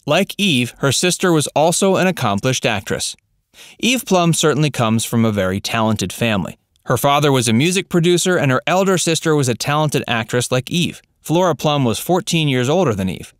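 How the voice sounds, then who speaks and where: A man narrating a scripted voice-over, reading facts in an even, read-out way. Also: fairly high pitch, normal speed, dry recording, studio quality.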